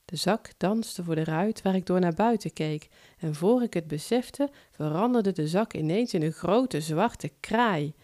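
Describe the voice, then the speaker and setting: A woman author narrating her own first-person short story in a calm, measured reading voice. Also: lowish voice.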